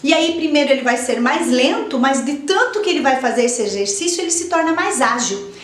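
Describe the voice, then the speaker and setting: A woman's voice: high voice, expressive, a little fast, reverberant. A woman giving step-by-step advice to teachers, explaining patiently and asking rhetorical questions. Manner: explanatory, repeats points, asks rhetorical questions. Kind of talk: instructional talk to teachers.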